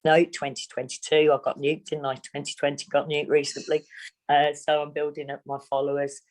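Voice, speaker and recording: A woman's voice: low-pitched, completely flat delivery, darkish tone. A middle-aged woman from England, speaking bluntly and steadily as an interviewee. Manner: blunt, plain-spoken, measured. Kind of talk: candid interview.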